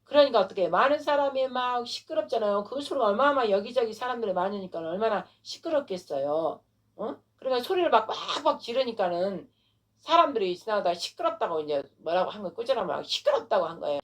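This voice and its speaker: A woman pastor preaching a sermon, retelling a story with animated delivery and frequent rhetorical questions. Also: on the high side, quick pace.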